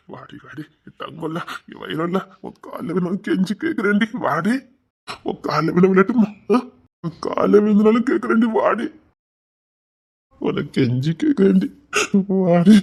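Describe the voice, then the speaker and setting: A man's voice: sits high, a little mellow, husky, heavily acted. A man with a Tirunelveli Tamil accent playing an anxious husband who pleads and coaxes. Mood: begging. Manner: pleading, coaxing. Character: anxious husband begging his wife.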